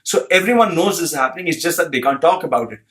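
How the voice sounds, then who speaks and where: A man's voice: fairly high pitch, expressive, racing, fairly bright tone. A man giving a blunt, profane commentary, repeating phrases for emphasis and reading out an article.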